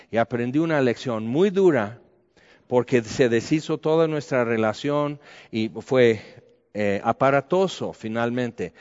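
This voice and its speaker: A man with a Mexican accent preaching a conversational sermon, candid and colloquial with lively asides. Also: medium pitch. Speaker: pastor. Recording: echoey hall, dull lo-fi sound.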